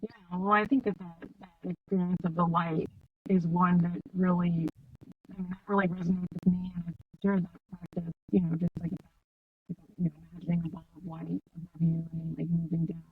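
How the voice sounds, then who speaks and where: Woman guest talking meditation-style, kinda husky, dry close sound. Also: fairly low pitch, level tone, a little fast, no room sound, phone-quality sound. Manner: reflective, soft-spoken, many fillers. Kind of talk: casual interview conversation.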